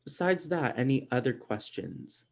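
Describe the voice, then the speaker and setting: A man leads an online language class, talking loosely and stopping often to restart his sentences. His voice sits in a middle range for a man. He fills his pauses with plenty of ums and likes. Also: mid-range voice, big pitch swings, creaky, slight background noise. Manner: casual, halting, many fillers. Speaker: teacher.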